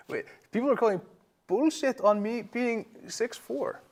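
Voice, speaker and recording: A man's voice: extremely high pitch, slow. A young man from Iceland hosting a casual live-stream Q&A, rambling with lots of fillers and restarts. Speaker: host.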